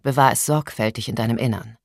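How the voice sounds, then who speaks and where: A woman voicing a mild, weary father in an audiobook, calm and resigned. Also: very deep voice, fast, creaky, dry recording, studio quality, heavily acted. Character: weary, mild, secretive middle-class father giving quiet advice. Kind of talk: audiobook character voice.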